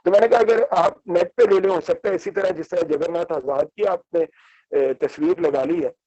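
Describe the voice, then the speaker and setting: Hesitant man, mellow dull sound. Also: a little high, normal speed, slightly rough, dry recording. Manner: hesitant, many filler sounds, mixes English terms. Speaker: speaker on books and reading. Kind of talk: reflective talk with anecdotes.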